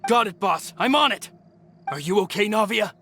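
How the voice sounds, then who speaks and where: Loyal sidekick, high and urgent. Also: male voice, lively intonation, normal speed, bright, forceful tone, exaggerated voice. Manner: urgent, protective. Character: loyal young male gang underling. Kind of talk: game voice acting. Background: game music.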